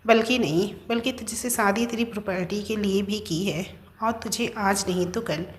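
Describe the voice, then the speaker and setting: A woman's voice: medium pitch, normal speed, close to an everyday voice. Woman reading as a cruel taunting husband. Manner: taunting, threatening. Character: scheming young husband, cruel and mocking.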